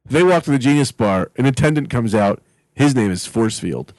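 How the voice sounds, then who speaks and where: A man's voice: mid-range voice, lively intonation, fairly quick, a little mellow, no echo, poor audio. A man reading narration and chatting casually in slangy, informal language as part of a comedy table read. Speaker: script writer and reader at a comedy table read.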